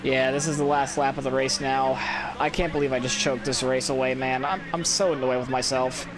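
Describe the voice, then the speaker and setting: Tired man, casual game commentary, self-critical rambling, medium pitch, loud engine noise behind. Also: little pitch movement, brisk. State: sleepy, tired. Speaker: gameplay commentator. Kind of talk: casual let's-play commentary. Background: racing game engine noise.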